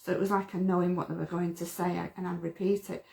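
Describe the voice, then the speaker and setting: This is a middle-aged woman from the United Kingdom, a medium and co-host on a relaxed livestream, talking earnestly and frequently repeating herself. She talks fast in a lowish, level voice that is slightly mellow and has vocal fry.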